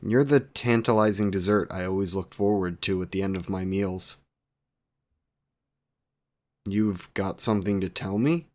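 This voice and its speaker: With a low, darkish, natural-sounding voice, fairly even intonation, and normal speed, a man portrays a 128-year-old vampire boyfriend. The character is youthful, courtly, and devoted, doting tenderly and speaking in formal, archaic language full of loving endearments.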